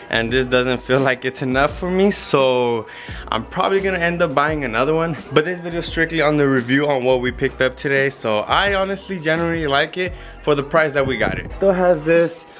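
A young man chats loosely through a product review on an outdoor patio, rambling and laid-back in a mid-range voice. A handheld camera held close picks him up, and music plays clearly underneath. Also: mid-range voice, a bit bright. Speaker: vlogger. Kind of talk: casual product review vlog.

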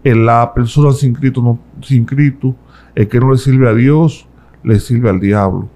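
A man's voice: medium pitch, unhurried. Male guest, testimony storyteller, vivid, acts out the dialogue. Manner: animated storytelling, acting out quoted voices. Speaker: guest telling his testimony. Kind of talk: testimony interview.

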